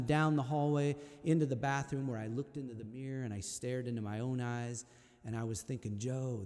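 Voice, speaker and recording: A folk singer at a live-streamed concert tells a personal story slowly and quietly, reflective and halting, with repeated words. His voice is mid-range and the sound fills a big room.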